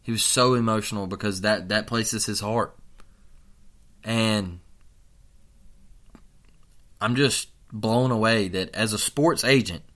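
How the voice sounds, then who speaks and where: A man's voice: on the low side, slow pace, pauses often, a bit bright. A man hosting a sports talk show, ranting in a heated, profane way and repeating lines for emphasis. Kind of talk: heated sports opinion rant.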